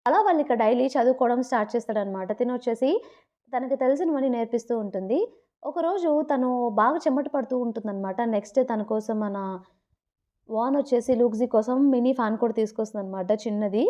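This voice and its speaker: A woman's voice: a little high, quick pace, warm tone. A woman with a Telugu accent casually retelling a drama episode, chatty and mixing in English words. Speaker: drama recap narrator.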